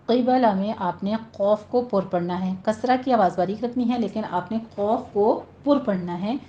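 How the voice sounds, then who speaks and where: A woman teaching Quran recitation rules in a patient, instructive way, drawing out slow examples. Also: mid-range voice, warm tone. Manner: patient, instructive, drawn-out demonstrations. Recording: dull lo-fi audio.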